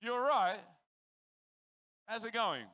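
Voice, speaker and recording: Man, ring announcer, high voice, bright and forceful, stadium crowd-working host. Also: animated, slow pace. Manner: booming, crowd-working, greets audiences in many languages. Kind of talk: live fight-night announcing. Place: boxing stadium.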